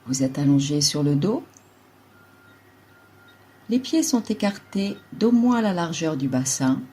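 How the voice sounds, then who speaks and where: Calm and measured, a woman with a low, breathy-edged voice leads a yoga nidra relaxation meditation in short instructional phrases.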